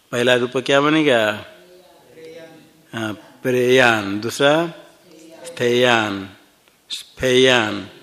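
A man's voice: mid-range voice, fairly bright tone. A man teaching a classroom Sanskrit grammar lesson, explaining each form step by step and quizzing his students as he goes. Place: ashram classroom.

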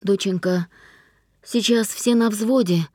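A woman voicing a weary middle-aged mother speaking softly and carefully to her daughter, in an audiobook. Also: mid-range voice, slow pace, husky, dry recording, studio quality. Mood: soothing. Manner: soft, careful, hesitant.

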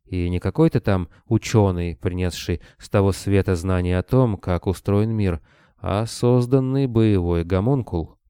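Anxious bearded older guy, a man reading him, deep dry voice, easily worked up. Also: a little slow, smooth, no echo. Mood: wary. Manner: anxious, excitable.

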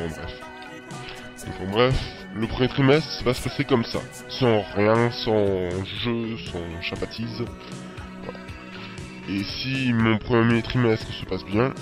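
Deep-toned teenage male radio presenter. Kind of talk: informal spoken radio segment. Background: music.

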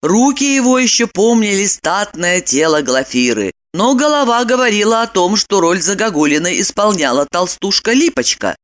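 Expressive woman audiobook reader. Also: medium pitch, moderate pace, few pauses. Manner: expressive, ironic storytelling. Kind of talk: scripted narration.

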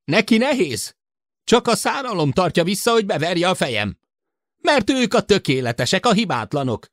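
A man voicing a bitter young man who shouts and hisses accusations in high, strained tones, in a spoken audiobook. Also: big pitch swings, no echo, studio quality. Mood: shrill accusing. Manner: shouting, hissing, near-hysterical.

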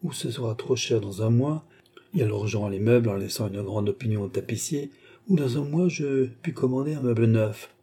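A man narrating a classic novel in steady literary reading. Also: medium pitch, normal speed, breathy edge. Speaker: audiobook reader.

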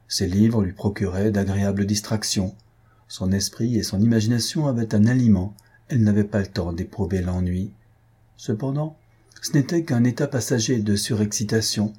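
A man reading a classic novel aloud as a narrator, with a measured, even delivery. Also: on the low side, slightly rough. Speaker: audiobook narrator. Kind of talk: scripted narration.

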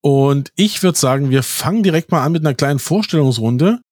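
A man's voice: on the high side, expressive, a little fast, darkish tone, dry recording. A man hosting a podcast interview from a studio, moderating in an upbeat, informal way. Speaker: podcast host.

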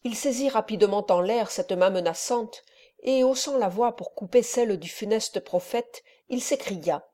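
A woman narrating a classic novel as an audiobook, measured and steady. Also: medium pitch. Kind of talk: scripted literary narration.

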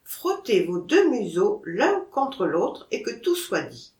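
A woman's voice: medium pitch, wildly swooping pitch, slow pace, a little mellow, reverberant. A woman reading the lines of a blunt, bossy male gardener who barks orders, in an audiobook. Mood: brusque.

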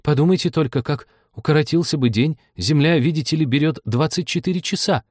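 A man's voice: fairly high pitch, fairly quick, a little mellow, no echo, clean studio sound, pitched above the performer's own voice, natural voice. A man doing a timid, polite little girl. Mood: eager. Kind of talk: audiobook reading.

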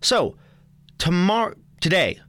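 A man's voice: high-pitched, very animated, slow, a bit bright, no room sound. A young man co-hosting a casual college sports preview, chatty and joking, often stumbling and correcting himself. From United States. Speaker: sports show co-host.

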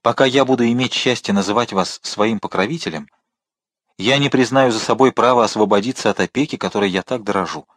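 A man's voice: on the low side, fairly quick, a bit bright, no room sound, clean studio sound. A man reading the part of an eager, respectful young viscount who speaks earnestly and politely.

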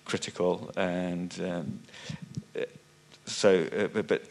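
A man's voice: sits low, flat delivery, slow pace, slight background noise. A man speaking on a panel discussion, thinking aloud with frequent restarts and fillers, once losing his thread. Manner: hesitant, many restarts and fillers, loses thread. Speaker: panelist, music magazine writer. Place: conference hall panel.

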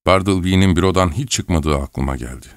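A man reading a first-person audiobook story in an expressive, wry storytelling manner. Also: low voice, brisk, smooth, no echo. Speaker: audiobook narrator.

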